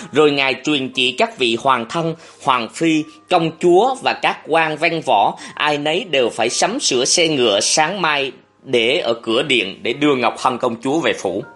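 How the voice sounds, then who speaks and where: An audiobook narrator reading a historical novel in a steady, measured way. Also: mid-range voice.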